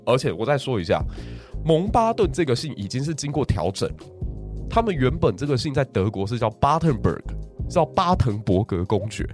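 Speaking with a Taiwanese Mandarin accent, a man recounts a royal history story on a podcast at a brisk pace. His delivery is animated, his pitch swings widely, and he keeps putting rhetorical questions to his listeners. Faint, soft music plays beneath him.

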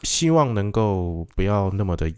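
Dry-miked, low-voiced Taiwanese man joking around. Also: big pitch swings, moderate pace, clear, resonant tone, dry recording. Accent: Taiwanese Mandarin. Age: middle-aged. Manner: joking, mock-grumbling, earthy slang. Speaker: podcast guest, podcaster. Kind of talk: casual chat.

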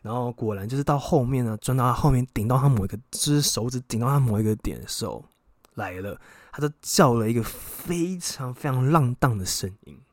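Frank, excitable man. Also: medium pitch, fairly quick, dry recording, studio quality. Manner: frank, excitable, swears freely. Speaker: podcast host. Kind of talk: casual storytelling.

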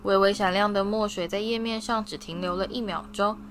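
A woman's voice: mid-range voice, fairly even intonation, brisk, fairly bright tone, a little hiss or hum. Woman reading a storybook aloud. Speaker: audiobook reader. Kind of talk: storybook narration.

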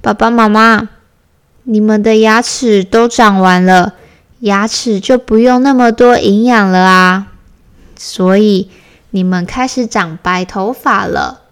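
A woman's voice: medium pitch, takes it slowly, clean tone. A woman voicing a cheerful, curious little boy bear cub in a children's bedtime story. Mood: playfully explaining. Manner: bright, playful child voice.

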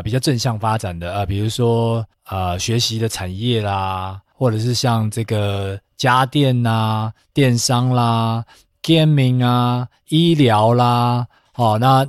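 A man's voice: mid-range voice, dry recording, studio quality. A man with a Taiwanese accent chats casually as a podcast co-host, joining remotely. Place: remote recording from a separate location.

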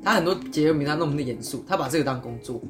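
A woman with a Taiwanese Mandarin accent co-hosting a podcast in casual chat, animated and laughing often. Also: low-pitched, racing, crowd noise. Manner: animated, laughs often, mixes English words. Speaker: podcast co-host.

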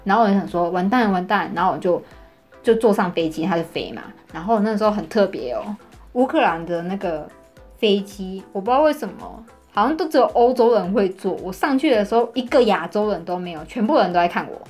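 A woman chats casually on a podcast, recounting a story with animated energy and frequent laughter. Her voice sits in a middle register for a woman, and faint music plays quietly behind her. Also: medium pitch, fairly quick. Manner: animated, laughs often while telling a story. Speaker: podcast co-host.

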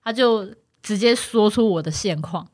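A woman's voice: mid-range voice, moderate pace, dry recording, clean studio sound. A woman from Tainan, hosting a casual podcast and telling a story, acting out the voices of the people in it. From Tainan, Taiwan. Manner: lively, acts out the voices of people in her stories. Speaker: podcast host.

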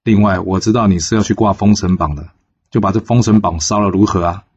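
Man putting on a sly bragging immortal, low husky voice, dull lo-fi sound, storybook telling. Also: fairly even intonation, fairly quick. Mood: coaxing, boastful. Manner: wheedling, boastful, shouts. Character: scheming male immortal, sly and boastful.

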